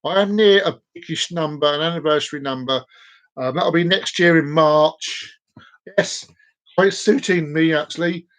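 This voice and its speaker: A man's voice: on the high side, moderate pace, a bit bright. A man in his forties hosts a live stream and talks straight to his viewers. He rambles playfully, repeats words and phrases, and keeps the chat loose and casual. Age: 40s.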